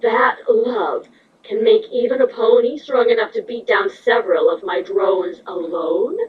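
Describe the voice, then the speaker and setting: A woman's voice: fairly high pitch, a little slow, natural voice. Woman playing proud changeling queen, guarded, matter-of-fact, storybook fantasy, far from mic, noisy recording. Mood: blunt. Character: Chrysalis, proud wary female insect-like changeling queen. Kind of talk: character reading of fan fiction. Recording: dull distant mic, noisy background.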